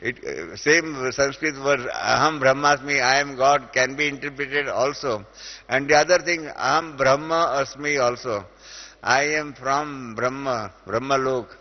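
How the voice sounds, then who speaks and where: A middle-aged man with an Indian English accent teaches a spiritual class, explaining things through everyday examples and using many hesitant "uh" fillers. His voice is medium-pitched and a little slow, and the dull lo-fi audio has long reverb from a hall.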